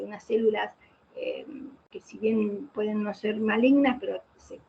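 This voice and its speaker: A woman's voice: medium pitch, gravelly. A woman giving a didactic online lecture on voice care, posing rhetorical questions and answering them herself. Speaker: voice specialist lecturing. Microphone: computer mic on a video call. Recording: muffled video-call audio with faint hiss.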